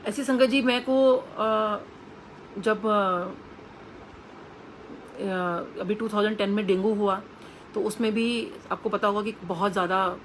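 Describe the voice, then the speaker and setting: A woman's voice: medium pitch, steady tone, unhurried, long pauses, slight background noise, poor audio. A woman telling an earnest personal testimony to a congregation, acting out the voices of the people she quotes. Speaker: devotee sharing a testimony.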